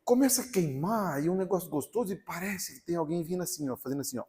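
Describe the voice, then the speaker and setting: A young man with a Brazilian Portuguese accent, preaching a live sermon to a congregation as an animated, humorous storyteller who swings between loud and hushed. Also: fairly high pitch, quick pace. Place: church before a congregation.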